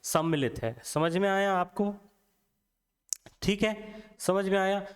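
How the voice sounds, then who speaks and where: A man giving an exam-prep grammar lecture, explaining slowly and sounding out letters one at a time while asking and answering his own questions. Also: high voice, clear, resonant tone, long reverb tail. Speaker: teacher.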